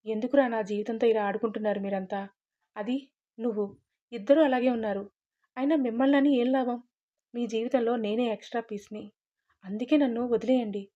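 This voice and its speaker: A woman's voice: on the high side, fairly even intonation, a little fast, pauses often, warm tone, dull audio, lightly acted. A woman voicing a bitter, hungover young husband who lashes out in resentful, angry outbursts.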